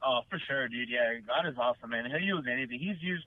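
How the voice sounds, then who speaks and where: A man's voice: mid-range voice, quick pace, no room sound. Earnest man on a tinny phone line. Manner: earnest, rambling with many restarts and fillers. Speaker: band member guest. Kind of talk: casual interview chat. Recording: dry, phone-like remote line.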